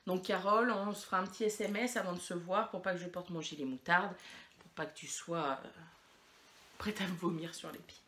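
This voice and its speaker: A woman's voice: fairly low pitch, fairly even intonation, brisk, a bit bright, a little hiss or hum. A woman hosting a knitting podcast, chatting casually and rambling with many fillers and restarts. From France. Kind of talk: casual chat to camera.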